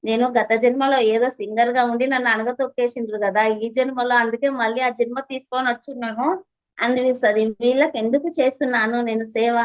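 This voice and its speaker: A woman's voice: on the high side, rough recording. A woman with a Telangana Telugu accent, earnestly sharing her meditation experience with an interviewer in a fervent, preachy way. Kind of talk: personal testimony to an interviewer.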